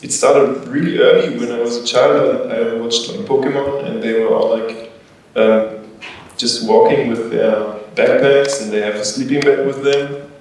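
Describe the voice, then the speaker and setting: A man speaking English as a guest at a festival talk, halting and full of fillers as he looks for words. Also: mid-range voice, fairly even intonation, a little mellow. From Germany. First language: German. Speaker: band member, guest. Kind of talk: casual panel interview. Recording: echoey hall, distant mic, faint noise.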